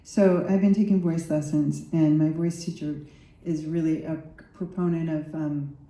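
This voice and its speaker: A woman poet reads her work to a live gathering, savoring each line without hurry. Her voice is deep-set, dark and mellow. The sound carries the roomy reverb of a gallery space. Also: fairly even intonation, recorded from a distance. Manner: unhurried, savoring lines, chatty asides between poems. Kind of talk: poetry reading.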